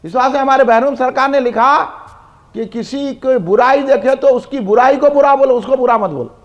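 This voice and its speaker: A man's voice: very high voice, normal speed. A man preaching a devotional sermon, building emphatic repetitive lists and prompting the crowd to respond. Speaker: preacher at a religious gathering. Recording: dull lo-fi event recording.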